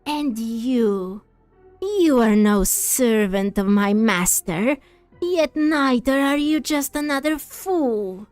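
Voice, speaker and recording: A woman voicing an unhinged, zealous villain from a video game, speaking in a grandiose, menacing, drawn-out way. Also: a little high, animated, a little mellow, no echo, faint music behind. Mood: menacing, inviting. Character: unhinged zealous villain servant of a dark master. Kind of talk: video game dialogue read aloud.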